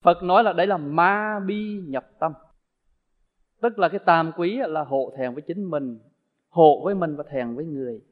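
A man preaches a Buddhist dharma talk, his voice pitched high. He is animated and slips into little acted-out dialogues. The sound is dull and lo-fi, with a long echo hanging in a hall. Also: moderate pace. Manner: animated, acts out everyday dialogues. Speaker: Buddhist monk teacher.

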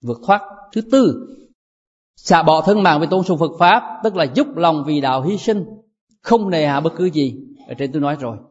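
Emphatic monk preaching. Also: male voice, on the high side, moderate pace, slightly rough. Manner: lively, emphatic, playful storytelling. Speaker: Buddhist monk teacher. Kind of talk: dharma talk. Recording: dull reverberant hall recording.

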